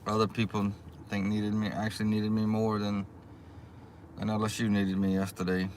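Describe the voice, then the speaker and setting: Guy with a lowish voice just rambling casually on a livestream, sitting in his car, some noise behind him. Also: completely flat delivery, moderate pace, darkish tone. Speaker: livestream host, small YouTube channel. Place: inside a car. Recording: clear background noise, car ambience.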